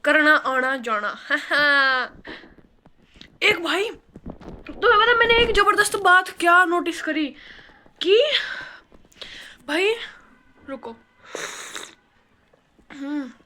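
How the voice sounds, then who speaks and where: A woman's voice: extremely high pitch, expressive, very slow, long pauses, bright, forceful tone. A young woman from western Uttar Pradesh with a Western Uttar Pradesh Hindi accent, chatting bluntly and rambling in a casual vlog from her hostel room, laughing often. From western Uttar Pradesh, India. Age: young adult. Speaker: vlogger.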